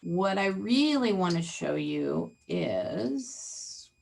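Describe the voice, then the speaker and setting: A woman with a fairly low, gravelly, darkish voice speaks extremely slowly, her pitch swinging widely. She's leading an interactive real estate training over video call, teasing and chatting while regularly questioning the group.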